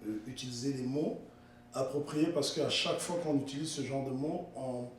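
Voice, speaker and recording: A historiographer and writer from the Republic of the Congo answers interview questions as a guest at a medium pitch. His delivery is measured and corrective, growing more forceful when he argues. The room is echoey, the mic distant, with faint noise.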